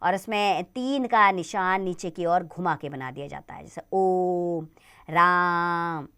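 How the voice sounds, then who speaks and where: A woman teaching a grammar lesson to children, spelling out sounds slowly and deliberately. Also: on the low side, lively intonation, a bit bright.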